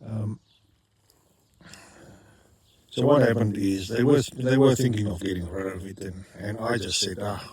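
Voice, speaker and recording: At his rural homestead, a South African vlogger chats casually and rambles, often halting to fix what he said and filling gaps with ums. His voice is low, husky and darkish, with fairly even intonation at a moderate pace.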